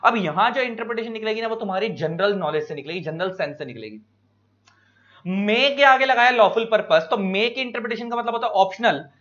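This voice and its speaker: An Indian man lecturing students, explaining each point slowly with examples and stretching key words. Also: high-pitched, animated, a bit bright. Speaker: teacher. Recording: dull lo-fi recording.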